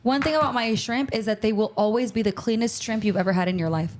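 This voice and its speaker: A woman's voice: on the high side, fast talker, a little mellow, a little hiss or hum. A young woman co-hosting a podcast, chatting casually with friends. She laughs easily and trails off into restarts. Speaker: podcast co-host. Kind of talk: casual chat among friends.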